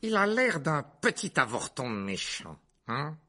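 A man voicing a middle-aged bullying aunt in an audiobook, loud, sneering and mocking. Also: on the high side, very animated, a little slow, full character voice. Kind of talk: audiobook character voice.

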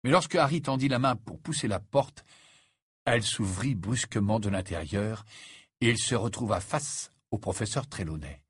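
A man narrating an audiobook in an expressive storytelling way. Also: fairly low pitch, moderate pace, breathy edge, no echo, studio quality.

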